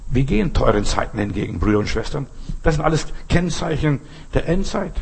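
Older guy preaching, gravelly husky voice, earnest storyteller. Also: mid-range voice, big pitch swings, fairly quick, a little mellow. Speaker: pastor. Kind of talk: sermon.

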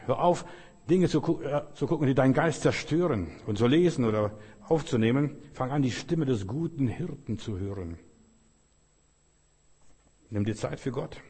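A man's voice: medium pitch, darkish tone, husky, long reverb tail. A man preaching a sermon with emphasis, repeating his phrases and quoting scripture. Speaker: pastor.

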